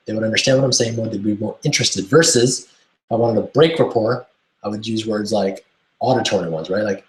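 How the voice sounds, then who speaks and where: A man's voice: lowish voice, brisk. A man coaching a webinar audience on mindset, enthusiastic and often checking in with "right?". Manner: enthusiastic, keeps asking "right?". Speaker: self-help coach. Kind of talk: webinar teaching talk. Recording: roomy echo.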